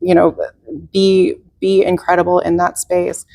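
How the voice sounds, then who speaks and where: A woman's voice: fairly low pitch, monotone, measured pace, creaky, warm tone, no echo, clean studio sound, soft background music. A middle-aged woman speaking earnestly in a conversational interview, with frequent fillers and restarts. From Czech heritage, raised in America. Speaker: museum representative.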